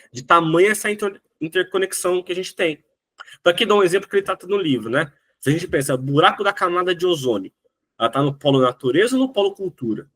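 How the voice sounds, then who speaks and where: A man's voice: on the high side, fairly bright tone. A man with a Brazilian Portuguese accent teaching a recorded class, explaining step by step and often checking in with "né?". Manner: explanatory, frequent "né?" tag questions. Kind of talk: recorded lecture.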